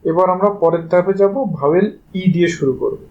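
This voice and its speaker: Over dull audio, a man speaks quickly in a high-pitched voice with a Bangladeshi Bengali accent. It's a spelling-based English pronunciation lesson: he spells every word letter by letter, then says it, chatting to his students directly and informally.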